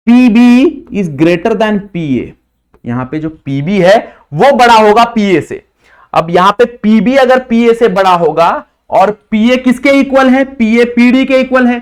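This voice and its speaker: A man teaching physics in a lecture style with a slight lisp, who keeps quizzing students with quick questions and calls them brother. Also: sits high. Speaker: physics tutor. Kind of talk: classroom lecture mixing Hindi and English.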